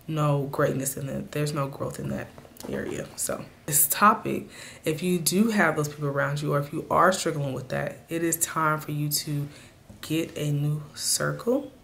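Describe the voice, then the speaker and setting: A woman with a raspy, hoarse voice from a cold, giving earnest motivational advice straight to her viewers in a casual vlog. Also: deep voice, fairly even intonation, normal speed, fairly bright tone, a little hiss or hum. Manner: earnest, speaks to viewers directly. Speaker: vlogger.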